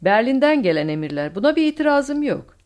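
A woman's voice: fairly high pitch, sing-song, brisk, a little mellow, voice pushed up. Woman voicing a shaken wartime pilot. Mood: tense. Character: tense male wartime pilot, shaken but steady.

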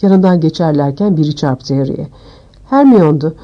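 A woman reading an audiobook aloud with expressive storytelling. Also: low-pitched, moderate pace, lo-fi sound. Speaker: audiobook narrator. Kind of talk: scripted audiobook narration.

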